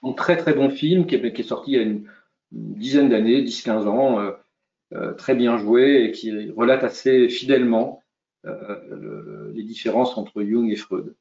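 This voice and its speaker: A man speaking as a coaching guest on a webinar, slow and calm, retelling a film scene. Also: mid-range voice, vocal fry. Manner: slow, thoughtful, soothing. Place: video call. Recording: roomy, lo-fi call audio.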